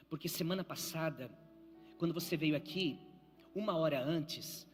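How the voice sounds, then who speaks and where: A man's voice: high-pitched, breathy edge. A pastor voicing a rude, hostile male waiter who later turns remorseful, heard with long hall reverb. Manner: scornful, mocking.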